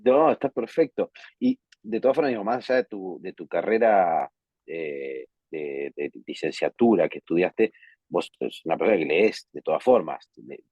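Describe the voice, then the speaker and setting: A deep-voiced man interviews a guest, keeping his remarks short and encouraging. His voice is a little husky, and the dry, dull audio sounds like an online call. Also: lively intonation, moderate pace, no room sound. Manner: brief, affirming, asks follow-up questions. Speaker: podcast host.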